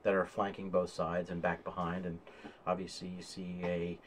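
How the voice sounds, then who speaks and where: A man's voice: low voice, monotone, normal speed, a little hiss or hum. A man narrating a tabletop game as game master, rambling with many fillers and restarts.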